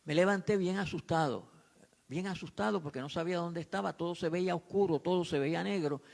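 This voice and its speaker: Brief: high-pitched gravelly male pastor, dramatic repetitive sermon storytelling, rising to shouts. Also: a little fast.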